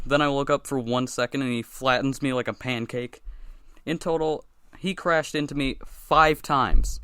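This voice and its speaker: A young man narrating his own animated story with deadpan, self-mocking humor that rises into excited outbursts. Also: on the high side, clear, resonant tone, dry recording, clean studio sound.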